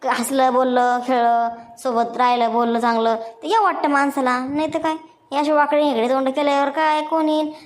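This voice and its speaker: A woman's voice: high voice, steady tone, moderate pace, lightly acted. A woman voicing a chatty, meddling middle-aged village woman visiting neighbours in a cartoon. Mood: gossipy complaint. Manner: nagging, chatty, defensive. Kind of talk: cartoon voice acting.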